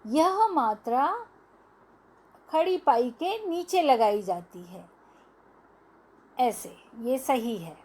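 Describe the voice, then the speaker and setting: A woman's voice: a little high, animated, very slow, long pauses, a little mellow. A woman teacher giving a language lesson to young children, stretching out each syllable.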